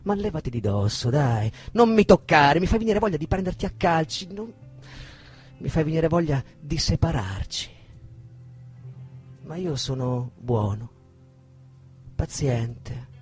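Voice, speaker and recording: A man's voice: on the high side, lively intonation, unhurried, long pauses, soft background music. An actor playing a raging abusive man. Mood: bitter, mocking. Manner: swings from shouting insults to cold menace. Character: abusive aggressive man berating a woman. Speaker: actor reading a monologue. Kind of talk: dramatic reading.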